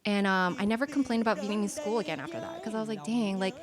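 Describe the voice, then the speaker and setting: A woman's voice: medium pitch, lively intonation, racing, music in the background. A woman in her twenties from the United States, a guest in a casual chat, speaking in an earnest, reflective and encouraging way. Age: 20s.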